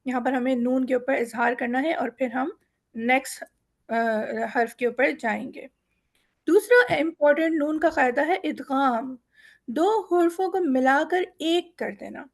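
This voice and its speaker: Brief: woman teacher with a high voice, patient and methodical, stretches out example words for students to repeat. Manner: mixes English words into her speech. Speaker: Quran reading teacher. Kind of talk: step-by-step lesson explanation.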